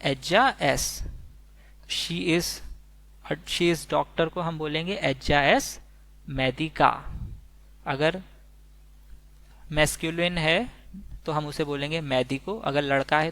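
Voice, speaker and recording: Indian male teacher, unhurried, repeats every example, gravelly edge. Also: a little high, fairly bright tone. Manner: slow, repetitive, spells out each example twice. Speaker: Spanish teacher. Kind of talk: slide-based language lesson.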